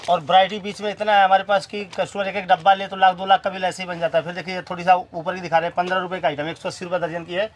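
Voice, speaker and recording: Fast-talking shopkeeper reeling off prices. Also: male voice, sits high, slight background noise. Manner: reels off prices in a steady patter. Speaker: wholesale shopkeeper. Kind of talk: rapid sales price listing. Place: small crowded cosmetics shop, indoors.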